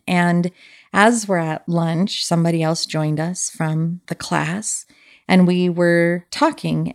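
A woman's voice: sits low, a little mellow. A middle-aged woman telling a personal story in an earnest, thoughtful, sincere way. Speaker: speaker sharing a personal story.

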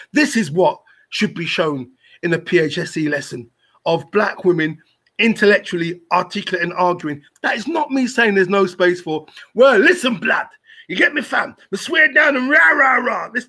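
Man, high-pitched voice, emphatic, rhetorical repetition, opinionated panel talk. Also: a bit bright. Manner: emphatic, rhetorical, repeats phrases for weight. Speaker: guest on a panel show.

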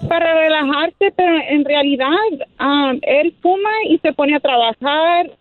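A woman's voice: high voice, unhurried, no room sound, faint music behind. A woman calling in to a radio show, speaking earnestly and repeating her points. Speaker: caller. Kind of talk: phone-in chat. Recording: tinny phone line.

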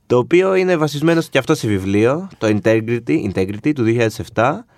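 Male podcast co-host, mid pitch, casual and chatty, dry close recording. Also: animated, a little mellow, dry recording. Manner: chatty, laughs easily, lists shows with fillers. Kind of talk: casual chat about new TV series.

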